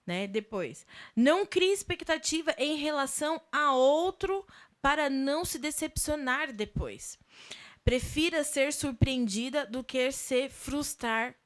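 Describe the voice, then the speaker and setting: Uma mulher de sotaque brasileiro apresentando uma live de oração da igreja e dando conselhos passo a passo. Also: female voice, sits high, expressive, takes it slowly. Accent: Brazilian Portuguese. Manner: warm advice-giving, lists steps. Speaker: church live prayer host. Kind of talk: church talk giving advice.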